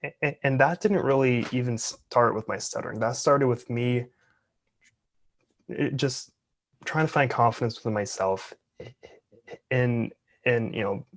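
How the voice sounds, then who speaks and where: A man in his twenties, a guest in a casual interview, speaks openly and earnestly despite a stutter that brings repeated sounds and blocks. His voice is mid-range and unhurried, with long pauses.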